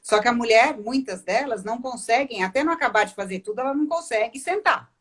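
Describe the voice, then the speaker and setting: Husky-voiced Brazilian woman expert. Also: fairly high pitch, fast talker, a bit bright. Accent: Brazilian Portuguese. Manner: explanatory, acts out quoted lines. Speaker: psychologist guest expert. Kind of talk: conversational interview.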